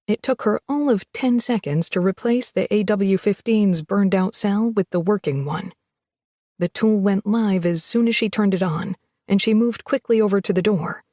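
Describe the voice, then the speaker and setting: Woman with a dry, measured storytelling voice. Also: medium pitch, a little mellow, no echo. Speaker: audiobook narrator. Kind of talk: scripted narration.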